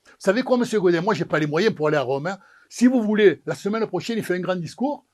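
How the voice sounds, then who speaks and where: A man spins a comic yarn about his own life, his voice sitting noticeably high for a man. He throws himself into the dialogue and acts out each character as the story unfolds. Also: animated, quick pace, a little mellow. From Marseille, France. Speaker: pizza maker telling his story.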